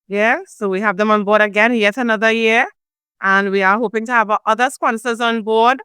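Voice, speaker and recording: A woman hosting a program, effusive and warm, thanking family and sponsors. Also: fairly high pitch, steady tone, brisk, smooth, no room sound, clean studio sound. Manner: warm, effusive, repeats "amazing". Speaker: foundation founder hosting a program. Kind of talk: welcoming host remarks.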